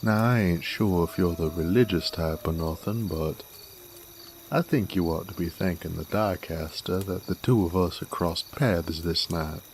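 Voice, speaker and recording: A deep-voiced man with a Southern/Western American drawl acts out a Western roleplay monologue to the listener as a genial wandering drifter, a smooth-talking werewolf bounty hunter. He comes across as amiable and teasing, with a folksy, courteous, wordy and unhurried manner. Slight background noise can be heard.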